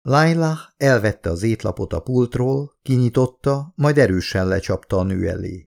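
A man narrating a first-person novel as an expressive audiobook reader. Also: medium pitch, gravelly.

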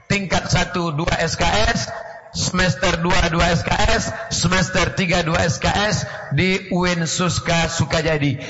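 A man preaching in a mosque with a high voice. He tells his sermon as lively stories, mixing in jokes and quoted foreign phrases. The recording sounds dull and lo-fi, with clear noise behind him. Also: unhurried. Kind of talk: sermon to a congregation.

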